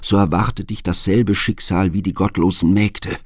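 A man reading the lines of a stern hero disguised as a beggar, in a guarded, hushed way. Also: low voice, steady tone, moderate pace, dry recording, studio quality. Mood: threatening whisper.

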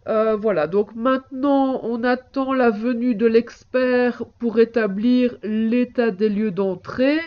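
A woman leaving a polite, measured answering machine message as a caller, with hesitant fillers. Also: on the high side, fairly even intonation. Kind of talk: phone message in a listening exercise. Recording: muffled answering machine audio.

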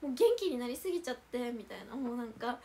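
Chatty high-voiced young woman livestreaming. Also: lively intonation, fast, gravelly, mellow. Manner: chatty, reading viewer comments, giggly. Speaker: idol livestream host. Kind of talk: casual livestream chat.

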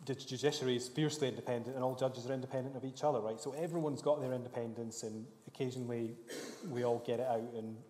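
Brief: male prosecutor, mellow voice, steady explanatory tone, reverberant room. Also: mid-range voice. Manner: measured, explanatory. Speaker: prosecutor panellist. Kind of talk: panel discussion. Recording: roomy hall reverb.

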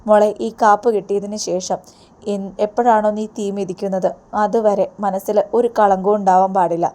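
A woman voicing a calm temple priest giving solemn instructions. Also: medium pitch, moderate pace, lightly acted.

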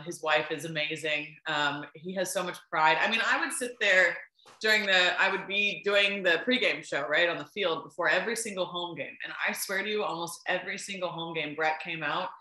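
A woman's voice: low-pitched, fairly even intonation, brisk, pushed and bright, echoey room, low-quality recording. A woman in her thirties, a sports reporter, chatting enthusiastically over a video call and telling stories with lots of "um" and "like". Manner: enthusiastic, storytelling, frequent "um" and "like". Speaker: baseball sideline reporter and guest. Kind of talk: casual interview chat. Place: home room, on a video call.

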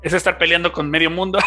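A podcast host with a Mexican Spanish accent who asks questions in a relaxed way, often adding "right?" and restarting phrases. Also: mid-range voice. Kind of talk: casual podcast interview.

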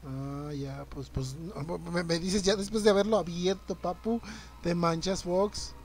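A young man plays a game live on stream, yelping, cursing and chatting with viewers. His voice sits high for a man. A faint hiss of noise runs under the recording. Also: a little slow. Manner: excitable, swearing, reacting loudly and greeting chat. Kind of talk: live gameplay commentary.

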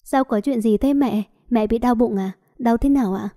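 A gentle middle-aged mother-in-law who calms things down softly and politely, voiced by a woman reading a story. Her tone is mellow and a little high. This is a storybook character. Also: normal speed, lightly acted. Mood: soothing. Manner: soft, placating.

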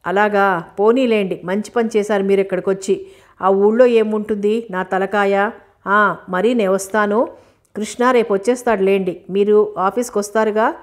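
A woman's voice: mid-range voice, fairly even intonation, moderate pace, close to an everyday voice. A woman reading a smug scheming man. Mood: offhand. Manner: teasing, self-assured. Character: scheming middle-aged man, smug and mocking.

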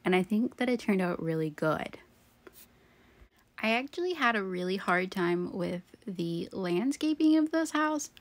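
Giggly, rambling woman with a gravelly voice. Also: medium pitch, animated, a little slow. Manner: rambling, giggly and self-deprecating. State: tired late at night. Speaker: Sims build channel host. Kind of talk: casual voiceover over gameplay.

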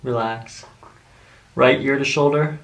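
Speaking slowly in a medium, steady voice, a middle-aged chiropractor guides a patient through hands-on treatment with short, calming step-by-step directions. The setting is a small indoor treatment office, and there's faint noise under his voice.

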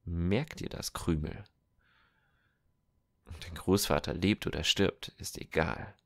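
A man's voice: low-pitched, slow pace, a bit bright, heavily acted. A man reading a cruel, mocking soldier on horseback in an audiobook, sneering and threatening.

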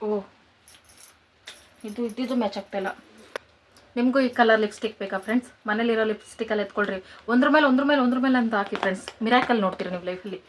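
This fairly high-pitched, quick-talking vlogger is about twenty-eight and carries a rural Kannada accent from around Kanakapura. Filming inside and outside her village home, she jokes casually, treats her viewers like friends, and coos at her pets, with slight noise in the background.

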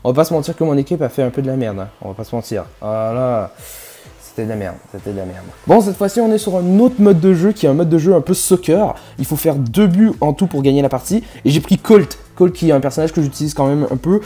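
Excitable guy gaming. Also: fast talker, breathy edge. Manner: excitable, swears often, swings from low muttering to loud yelling. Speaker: gaming YouTuber. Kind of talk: live gameplay commentary.

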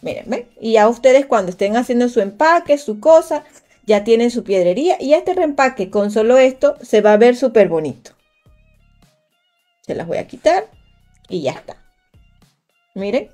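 A woman's voice: on the high side, animated, moderate pace, pauses often, warm tone, soft background music. A woman teaching a live design class, chatting directly with her viewers and thinking aloud as she works. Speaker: crafts instructor. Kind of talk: live-streamed software tutorial.

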